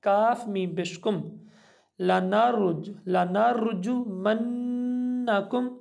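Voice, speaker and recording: A man teaching a Quran reading lesson, patiently spelling out each letter and vowel mark, with slow drawn-out recitation between explanations. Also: high-pitched, darkish tone.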